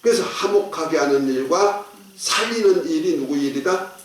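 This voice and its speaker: A man's voice: on the high side, lively intonation, moderate pace, noisy background. A man preaching a sermon as a pastor, folksy and joking, leading the congregation in call and response. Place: church sanctuary. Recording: echoey church hall, distant mic.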